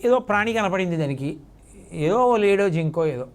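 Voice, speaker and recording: A man's voice: sits high, lively intonation, moderate pace. A man giving a devotional sermon, telling a story vividly and repeating words for effect. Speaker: spiritual discourse speaker.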